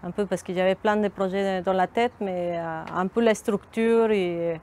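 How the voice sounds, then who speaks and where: A middle-aged woman from Mexico, whose first language is Spanish, speaking French with a Mexican Spanish accent. She is a community outreach worker giving a thoughtful interview, pausing and restarting her phrases as she searches for words. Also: mid-range voice, fairly even intonation, a little mellow. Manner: thoughtful, hesitant, frequent restarts. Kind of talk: documentary interview testimony.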